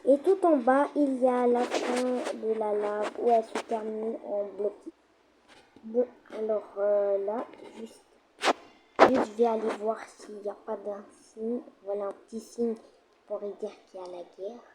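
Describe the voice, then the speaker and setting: A fairly high-voiced woman talks her way through a building game in an unhurried, halting way, pausing often and filling the gaps with small hesitations. Her commentary is casual and slow, with a faint hiss behind it. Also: fairly even intonation. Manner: hesitant, with many fillers. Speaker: gamer.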